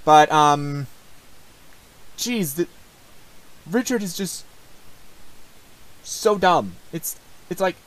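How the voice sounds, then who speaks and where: Guy reacting to his own old videos, slow and kinda rambly, voice sits a bit high. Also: lively intonation, a bit bright, poor audio. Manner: rambling, hesitant, full of restarts. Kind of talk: casual reaction commentary.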